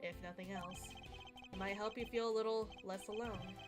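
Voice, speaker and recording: Woman as stern male game prosecutor, formal, measured, restrained, weary, music behind. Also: medium pitch, fairly even intonation, voice pushed down, close to an everyday voice. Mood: grave, reassuring.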